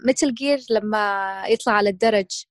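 A woman's voice: mid-range voice, a little fast, dry recording, studio quality. A woman chatting casually as a co-host in a discussion. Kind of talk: casual chat.

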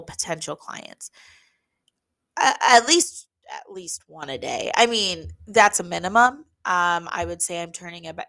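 A woman's voice: fairly low pitch, creaky, fairly bright tone. A young woman hosting a podcast, chatting casually and with self-deprecating humor about running a business, with frequent fillers and restarts. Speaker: podcast host, venue owner. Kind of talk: casual solo podcast talk.

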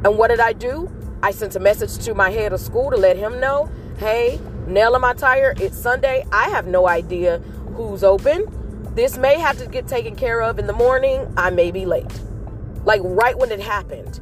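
A woman giving an earnest, casual motivational talk to her viewers, telling a story with animated acted outbursts. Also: on the high side, normal speed, soft background music. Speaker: motivational vlogger.

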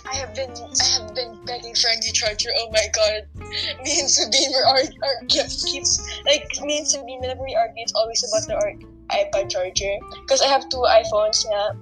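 A young woman with a Filipino accent chats in a bright, high voice, excitable and quick. She laughs easily and jumps between thoughts. Faint music sits behind her. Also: low-quality recording. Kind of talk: casual chat.

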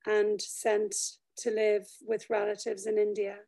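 A woman hosting a conversational interview, with a slightly croaky voice tired from teaching. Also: mid-range voice, monotone, measured pace, dark tone. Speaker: podcast host and interviewer.

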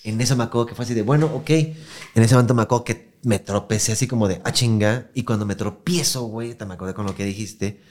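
A man's voice: lowish voice, fast, darkish tone, slight background noise. A young Mexican man hosting a podcast, telling a story in slangy casual chat and acting out the voices he quotes. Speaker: podcast host.

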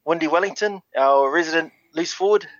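A man hosting a casual rugby podcast in a matey, relaxed way. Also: fairly high pitch, brisk, no echo. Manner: relaxed, matey, calls guests brother. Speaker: podcast host. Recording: dull lo-fi audio.

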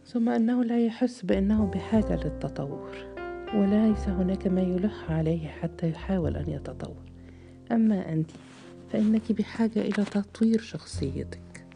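A woman voicing a calm, condescending middle-aged male psychiatrist who speaks in a cool, measured, lecturing way. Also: mid-range voice, creaky, lightly acted.

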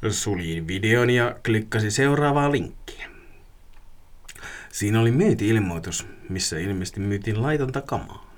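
A giggly man with lively pitch. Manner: giggly, breaks into laughter while reading. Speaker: podcast co-host. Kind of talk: casual podcast chat and listener story reading.

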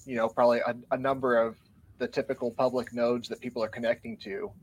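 A man's voice: mid-range voice, flat delivery, fast talker, darkish tone, a little hiss or hum. A man, a guest on a podcast, explaining his view in casual discussion, earnest and a little out of breath. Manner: earnest, explanatory, reads from show notes. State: a bit out of breath.

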